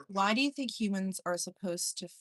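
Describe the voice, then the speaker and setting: A woman's voice: mid-range voice, normal speed, no room sound, clean studio sound. A woman hosting a casual live stream spirit session, chatting to spirits and viewers by name and relaying replies aloud.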